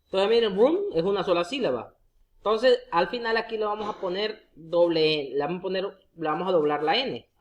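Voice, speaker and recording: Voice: medium pitch, a little fast, highs cut off. A Spanish-speaking teacher explaining English verb endings step by step, repeating every example word and often addressing the viewer directly. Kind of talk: explaining grammar rules to students.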